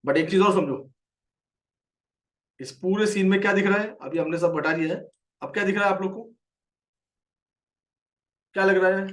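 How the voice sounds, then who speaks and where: A man's voice: sits high, moderate pace, pauses often, fairly bright tone, distant mic. A man with an Indian accent teaching a live trading lesson, explaining a chart and answering viewers by name.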